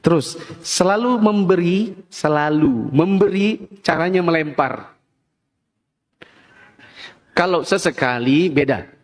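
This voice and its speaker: A man preaching a sermon, telling lively stories and acting out family members yelling at each other. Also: a little high. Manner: animated storytelling, acts out family members yelling. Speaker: Islamic preacher.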